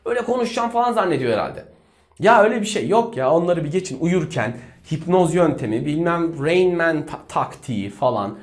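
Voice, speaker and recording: A man teaching English with jokes and mocking asides, lively and teasing. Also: fairly high pitch, fairly quick. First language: Turkish. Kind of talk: comedic lesson rant.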